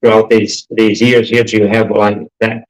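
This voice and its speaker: A man's voice: fairly low pitch, little pitch movement, normal speed, poor audio. A man hosting a live interview, talking informally and improvising with stop-start phrasing. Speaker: host.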